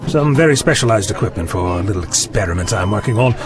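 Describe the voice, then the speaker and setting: A man's voice: on the low side, animated, quick pace, over music, natural voice. A man playing an eccentric, evasive time-travelling doctor in an audio drama, with a breezy, insistent manner.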